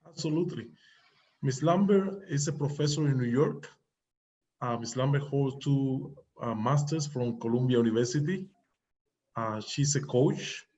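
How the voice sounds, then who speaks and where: Cuban-born man, earnest and halting, on a muffled line. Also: medium pitch, mellow. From Cuba. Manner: earnest, halting, many fillers. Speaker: guest musician. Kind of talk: interview answers. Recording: muffled lo-fi call audio.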